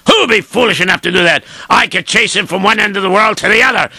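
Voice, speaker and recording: A rich, hot-tempered lord, played by a man, barks orders in a high, swooping, bright voice full of gravelly fry. The sound is husky and dry. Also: very animated, takes it slowly, dry recording, exaggerated voice. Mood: furious. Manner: bossy, barking orders. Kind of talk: amateur audio storytelling.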